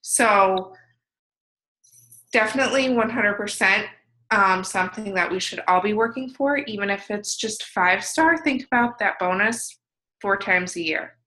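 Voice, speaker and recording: A woman's voice: medium pitch, unhurried, pushed and bright, rough recording. A woman co-hosting a team conference call, explaining things with enthusiasm and many fillers.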